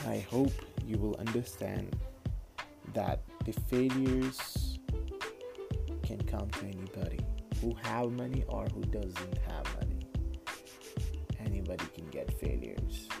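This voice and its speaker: A man in his late twenties with a Kashmiri accent, talking casually and haltingly as a podcast host, often repeating words, recorded on a phone. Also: fairly low pitch, animated, creaky, loud music behind the voice. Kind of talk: casual personal monologue.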